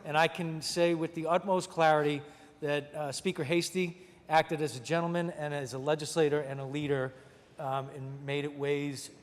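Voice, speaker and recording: A man delivers opening remarks as senate majority leader at a podium microphone, his voice sitting a little high for a man. He keeps it chatty and folds wry jokes in between the thank-yous. The sound rings with the long reverb of a large legislative chamber. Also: level tone, moderate pace. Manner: chatty, with wry joking asides.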